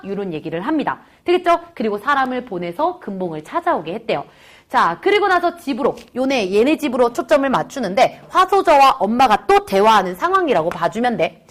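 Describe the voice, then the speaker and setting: A woman tutoring Korean literature, retelling a classical story in quoted dialogue and talking straight to her students. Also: a little high. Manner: retells the story in quoted dialogue, switching voices for each character; addresses students directly as kids. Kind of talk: lecture on a classical novel.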